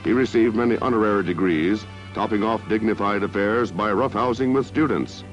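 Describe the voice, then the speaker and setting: A man with a lowish voice narrates an old 1960s newsreel a little quickly, his delivery stately and declamatory. It plays on a film soundtrack with music, and the audio is dull and lo-fi.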